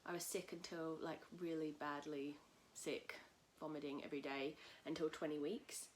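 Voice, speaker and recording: A husky woman with a low voice chats through her knitting podcast in a loose, rambling way, full of fillers. She sounds a bit croaky from a cold. Faint noise and cockatoos carry in from outside her small home. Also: flat delivery, moderate pace, a little mellow. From England. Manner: chatty and rambling, with many fillers. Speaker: podcast host. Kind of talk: casual knitting podcast chat. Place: at home in a tiny house. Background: cockatoos calling outside.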